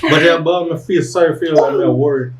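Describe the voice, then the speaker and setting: A man's voice: fairly high pitch, brisk. A man with a Caribbean accent bantering casually during a food challenge, teasing and boastful. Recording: roomy, distant mic, faint background noise.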